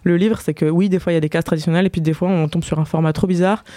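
A radio host chatting casually about books, relaxed and talkative with plenty of hesitations. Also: medium pitch, racing, no room sound, clean studio sound. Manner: relaxed, chatty, many fillers. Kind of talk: casual radio book review chat. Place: radio studio.

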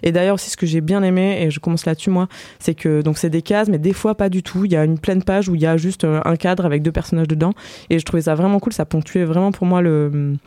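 A radio host chatting casually about books, relaxed and talkative with plenty of hesitations. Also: medium pitch, fast talker, no echo. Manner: relaxed, chatty, many fillers. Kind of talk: casual radio book review chat. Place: radio studio.

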